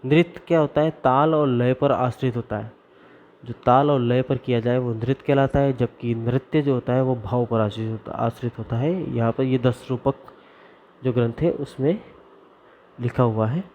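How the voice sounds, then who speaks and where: A man teaching Sanskrit grammar, reciting the formulas slowly and deliberately and explaining where each sound is made in the mouth. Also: medium pitch, a little mellow, slight background noise. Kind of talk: classroom lesson. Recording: dull lo-fi recording.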